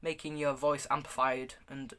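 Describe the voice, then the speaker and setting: A man's voice: mid-range voice, little pitch movement, moderate pace, sharp tone. A man giving a casual, hands-on product review, speaking in a stop-start, hesitant way with repeated words. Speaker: gas mask reviewer. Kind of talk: casual product review, showing items to camera.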